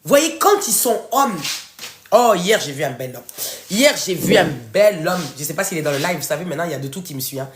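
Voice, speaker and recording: Animated woman hosting a live. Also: on the low side, a little fast, a little hiss or hum. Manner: animated and expressive, addresses viewers directly and answers chat. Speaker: live-stream host giving relationship advice. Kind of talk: casual live-stream talk. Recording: echoey room.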